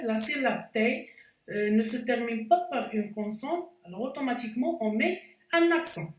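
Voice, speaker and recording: A woman's voice: on the high side, echoey room, distant mic, low-quality recording. A woman teacher giving a spelling lesson, explaining step by step with frequent hesitations. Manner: slow, deliberate explanations with hesitations.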